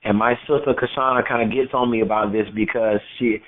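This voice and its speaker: A man's voice: medium pitch, steady tone, a little fast. A man from Florida calling into a talk show on speakerphone, rambling and repeating words as he gives his opinion. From Florida, United States. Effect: on speakerphone over a phone line. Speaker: caller. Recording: tinny phone-line audio.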